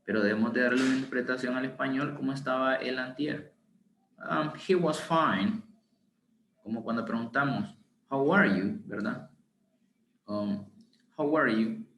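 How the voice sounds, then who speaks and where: A man teaching an online English lesson in Spanish, reading English examples slowly and explaining them patiently. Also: mid-range voice, fairly bright tone, slight background noise. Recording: roomy echo with faint ambience.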